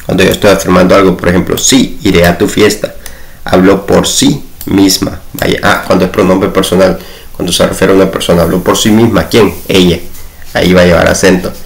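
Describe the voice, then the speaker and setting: A man teaching a grammar lesson, patiently repeating slow examples. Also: sits low. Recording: echoey room.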